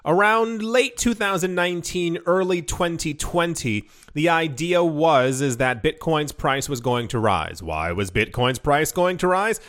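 A man with a slightly higher voice than most hosts a casual crypto news show. He reads each headline and then wanders into loose, rambling asides, stacking fillers as he thinks aloud. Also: expressive, a little slow, fairly bright tone.

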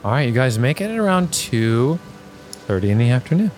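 A man's voice: medium pitch, sing-song, brisk, darkish tone. A man running a tabletop role-playing game as game master, describing scenes in a conversational, improvised way. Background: music and rain sounds.

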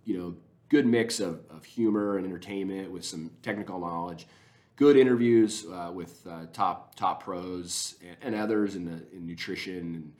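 Deep-voiced man rambling with enthusiasm. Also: a little mellow. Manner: rambling, enthusiastic, many restarts. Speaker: podcaster. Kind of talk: casual spoken recommendations.

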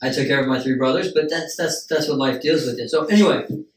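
A man's voice: medium pitch, quick pace, far from the mic. A man hosting a podcast with crude, teasing banter. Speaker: podcast host. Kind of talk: casual podcast chat. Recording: roomy sound from off mic.

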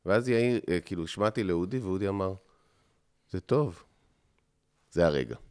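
An Israeli man telling stories in a casual podcast chat. His pitch swings widely and he slips into other people's voices as he goes. His voice sits a little low. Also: clean tone. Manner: animated storyteller who acts out other people's lines. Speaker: musician guest.

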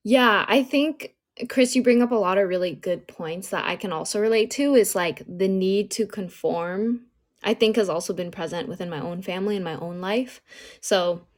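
A woman's voice: medium pitch, normal speed. A woman in her early twenties hosting a podcast, talking in a friendly way with frequent fillers. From United States. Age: 20s. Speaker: podcast host. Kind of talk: conversational podcast discussion.

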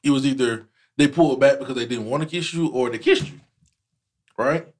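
A man's voice: medium pitch, brisk. A man in casual group chat, telling stories animatedly and repeating phrases as he talks. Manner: animated storytelling, repeats himself.

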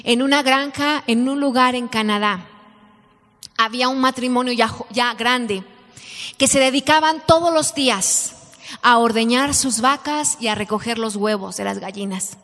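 A middle-aged woman gives a sermon to a gathering of women. Her voice sits high, and it rings with the long reverb of a big hall. She tells stories and keeps asking the audience questions. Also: normal speed, a bit bright. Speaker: women's ministry speaker.

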